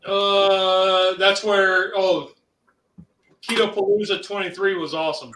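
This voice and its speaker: A man from Ohio, USA, with a high, slightly bright voice and a steady tone speaks slowly as he co-hosts a casual livestream. He chats and reads out viewer comments in a hesitant way, using lots of fillers. The mic sits at a distance in a roomy space.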